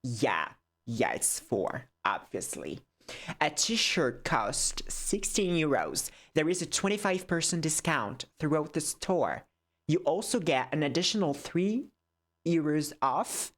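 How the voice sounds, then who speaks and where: Low, slow woman muttering through a quiz. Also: very animated. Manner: mutters to herself, swears, switches between French and English. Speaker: content creator. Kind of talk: casual quiz play, thinking aloud.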